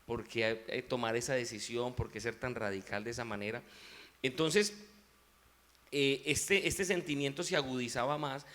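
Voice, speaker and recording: A musician appears as an interview guest and shares his faith testimony in a reflective, unhurried way. He speaks with a Colombian paisa accent, and his medium-pitched voice is steady and fairly bright.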